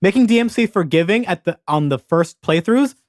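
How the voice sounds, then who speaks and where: Young male podcast co-host, excitable, swears a lot, quick delivery. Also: high-pitched, no echo, clean studio sound. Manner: excitable, swearing, fast and animated. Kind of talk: casual gaming chat.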